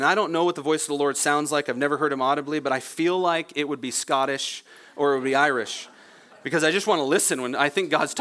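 A male pastor preaching a sermon, moving from loud, emphatic peaks to quiet, low storytelling. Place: church sanctuary.

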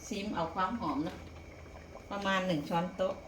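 A woman's voice: fairly low pitch, moderate pace. A middle-aged woman with an Isan Thai accent, chatting folksily to viewers as she demonstrates home cooking, with polite particles throughout. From Isan, northeastern Thailand. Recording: echoey room, clear background noise, clattering pots.

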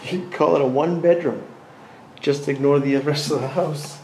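An American man in his forties, on the high side but darkish in tone, speaks at a normal speed with a steady pitch. He's an urban explorer vlogger giving wry narration of a casual vlog inside and behind a derelict abandoned house, muttering asides to himself. The handheld camera mic picks up noisy audio.

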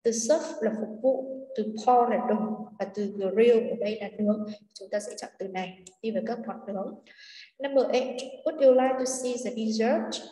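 A woman teacher, her voice a little high and mellow. She goes through test answers patiently and keeps asking whether the class follows. She sounds some way from the mic, in a room with a long, echoing tail. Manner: patient, checks understanding with quick questions. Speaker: English teacher. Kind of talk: explaining test answers to students. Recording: echoey room, far from the mic.

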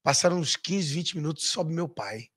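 Animated storyteller from Rio. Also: male voice, on the high side, normal speed, slightly rough. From Brazil. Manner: animated, acts out quoted voices, swears freely. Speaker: guest, former footballer. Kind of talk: casual storytelling.

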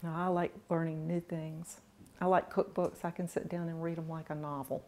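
A middle-aged woman, a home cook being interviewed in a large home kitchen, talking in a relaxed, plain-spoken way with dry humor. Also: deep voice, moderate pace, slight background noise. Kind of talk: casual interview.

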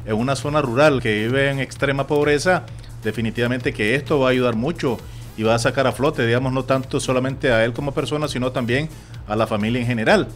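A man with a Nicaraguan Spanish accent hosting a sports radio talk show, telling stories in an animated way and acting out other people's voices. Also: mid-range voice, fairly quick, faint music behind. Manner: animated storytelling, acts out quoted voices. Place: radio studio.

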